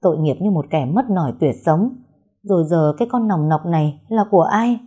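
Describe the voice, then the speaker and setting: A woman narrating a story in a measured, even reading voice. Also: on the low side, breathy edge.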